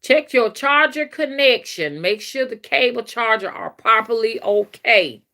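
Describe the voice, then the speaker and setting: A woman with a fairly high, sharp-toned voice speaks at a measured pace and sounds animated. She's hosting a casual spiritual live stream from her phone, rambling and repeating herself while talking directly to viewers and reading out their comments.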